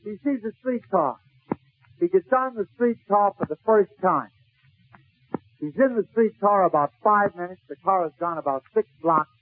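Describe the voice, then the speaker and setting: Here a comedian's expressive, high-sitting voice moves at a moderate pace through humorous stories in clipped, dramatic phrases, the way 1940s radio comics performed on air. It comes through a thin, tinny, narrow-band 1940s radio recording.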